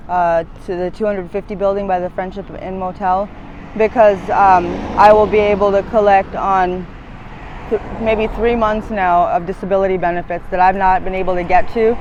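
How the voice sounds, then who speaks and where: A woman's voice: on the low side, darkish tone, lo-fi sound, slight background noise. A woman in her thirties interviewed on a city street, talking in long, hesitant, rambling stretches full of fillers. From United States, born in Latvia. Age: 30s.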